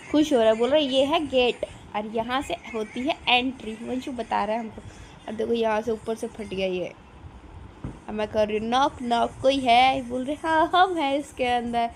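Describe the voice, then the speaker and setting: A woman's voice: on the high side, a little hiss or hum, rough recording. A mother, chatting casually through a home vlog about her kids. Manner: chatty, narrating her kids' play. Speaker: vlogger and mother. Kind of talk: casual family vlog narration.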